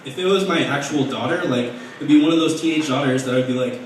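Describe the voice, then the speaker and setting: A young man performing an open mic stand-up set, deadpan and halting, with restarts and fillers. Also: fairly high pitch, slight background noise. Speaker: stand-up comedian. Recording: very echoey room heard from a distance.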